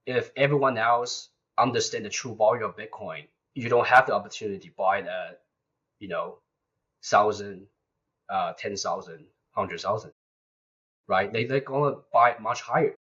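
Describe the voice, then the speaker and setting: A man's voice: lowish voice, moderate pace, a bit bright, slightly rough. A young man, a guest speaking earnestly in a casual interview and often repeating words. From Taiwan. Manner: earnest, repeats words, non-native grammar. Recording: dull lo-fi sound.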